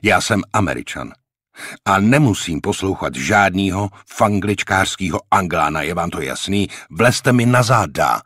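Male reader doing a cocky American corporal in an audiobook, insolent, deep husky voice. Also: sing-song, no room sound, studio quality, exaggerated voice. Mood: defiant. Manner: insolent, slow, mocking politeness. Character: cocky American corporal, cool and defiant hustler.

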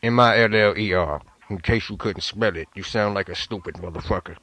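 A man's voice: fairly low pitch, brisk, sharp tone, slight background noise. A man playing a brash, profane prank caller who swears and demands apologies. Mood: belligerent.

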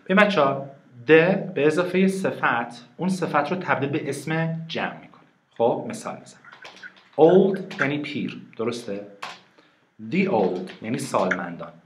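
A man's voice: on the high side, animated, slight background noise. A man teaching an online reading lesson, patiently explaining grammar and asking his students questions. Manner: patient, asks questions and answers them himself. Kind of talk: online private lesson, explaining in Persian with English examples. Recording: echoey room.

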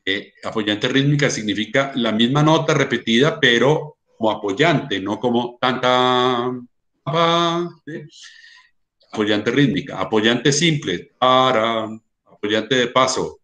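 A man's voice: medium pitch, a little slow, fairly bright tone. Colombian man explaining music theory. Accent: Colombian Spanish. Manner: explanatory, sings rhythms in syllables, many fillers. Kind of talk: online lecture.

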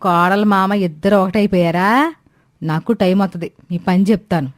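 A woman voicing a bossy, sharp-tongued older mother-in-law in a cartoon story, grumbling and scolding. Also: mid-range voice, moderate pace, dry recording, clean studio sound, natural voice.

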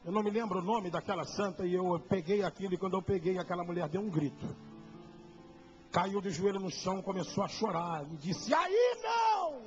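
High-voiced Carioca pastor preaching emphatically. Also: male voice, fairly even intonation, fairly quick, highs cut off. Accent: Carioca Portuguese. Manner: emphatic, shouts at climaxes, dramatic storytelling. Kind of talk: evangelistic sermon storytelling. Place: church service.

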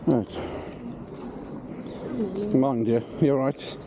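Browsing for bargains to resell, a British vlogger with a creaky, mid-range voice mutters casual commentary to himself in a slow, steady tone. The noisy audio comes from a body-worn action camera, first in an outdoor car park and then in a large charity warehouse shop, with shop and street ambience around him.

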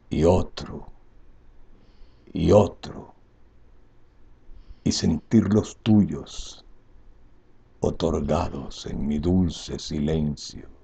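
Old guy in his 70s doing grand poetry declamation, really slow and drawn out, gravelly low voice. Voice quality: husky, gravelly. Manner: slow, dramatic phrasing with swelling emphasis and soft falls. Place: indoor room at home.

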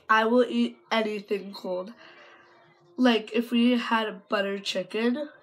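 A woman's voice: medium pitch, breathy edge, rough recording. A woman vlogger chatting casually and giggling between bites as she eats on camera. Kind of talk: casual vlog chat while eating.

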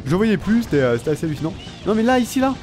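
A young man commentating a video game, excitable and slangy, taunting the enemies he fights. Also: sits high, racing, faint music behind. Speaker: gamer. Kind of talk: let's play commentary.

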